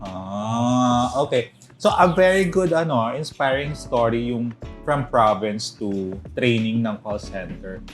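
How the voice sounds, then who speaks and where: A man hosting a casual interview, reacting with lively exclamations. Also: mid-range voice, takes it slowly, soft background music. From northern Philippines. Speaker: podcast host.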